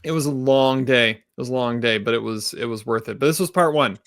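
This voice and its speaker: A man's voice: mid-range voice, fairly quick, a bit bright, no echo. A man hosting a movie podcast in upbeat casual chat, steering the talk. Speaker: podcast host.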